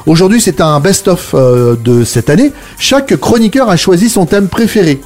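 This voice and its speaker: A man's voice: high voice, lively intonation, normal speed, a little mellow, faint music behind. A man presenting a radio programme live, moving between announcements and casual chat with colleagues. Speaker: radio show host. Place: radio studio.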